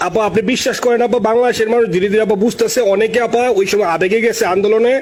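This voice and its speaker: A man's voice: high-pitched, fairly even intonation, rapid-fire, a little mellow. A Bangladeshi man talking over the phone in a deferential, effusive way, like a loyal supporter addressing a superior. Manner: deferential, effusive, constantly says a respectful address term. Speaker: party supporter calling a leader. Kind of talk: informal phone conversation. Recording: phone call with faint noise.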